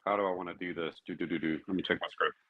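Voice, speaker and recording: A man's voice: deep voice, fairly even intonation, racing, highs cut off, slight background noise. A man hosting his own cooking vlog, chatting casually and thinking aloud as he grills. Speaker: cooking show host.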